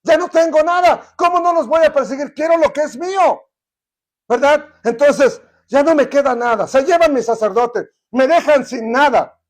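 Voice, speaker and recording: A man's voice: very high-pitched, normal speed. A man voicing an aggrieved man who has been robbed of his idols, complaining in exasperation during a Bible lesson. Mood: indignant.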